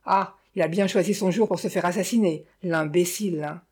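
A woman reading an audiobook, voicing a sharp-tongued, greedy middle-aged widow who scolds and frets about money. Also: normal speed, slightly rough. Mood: angry. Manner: shrill, scolding and grasping. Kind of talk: audiobook character voice.

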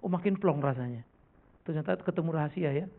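A man's voice: fairly high pitch, quick pace, creaky. A middle-aged male pastor giving a casual, joking sermon with lots of rhetorical questions. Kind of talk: conversational sermon with Q&A. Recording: tinny lo-fi recording.

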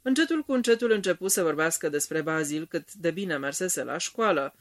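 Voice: medium pitch, lively intonation. A narrator giving a dramatic reading of a detective novel.

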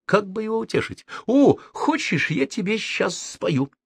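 A man's voice: medium pitch, sing-song, slow, pitched above the performer's own voice, heavily acted. A man voicing a jovial young man who teases everyone with good-natured mockery. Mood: teasing.

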